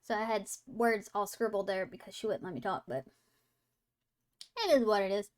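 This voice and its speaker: A woman's voice: medium pitch, normal speed. A young woman hosting a casual livestream, chatting with viewers and reading trivia aloud before riffing on it. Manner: chatty, reads trivia aloud then riffs on it, sounds words out. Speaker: livestream host.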